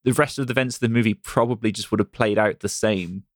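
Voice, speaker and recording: A man hosting a casual podcast chat, lively and questioning, with many "like" fillers. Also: lowish voice, quick pace, no echo, studio quality.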